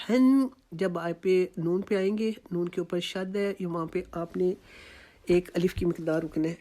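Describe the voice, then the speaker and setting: A woman teacher with a Pakistani Urdu accent gives a tajweed lesson in a fairly low voice. She breaks each word into slow syllables and repeats them with patient care, then explains the pronunciation rules plainly. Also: mellow. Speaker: Quran recitation teacher.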